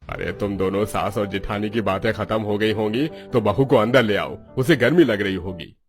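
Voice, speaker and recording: A man voicing an older father-in-law who calmly tells the family to bring the bride inside. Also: lowish voice, moderate pace, soft background music, natural voice.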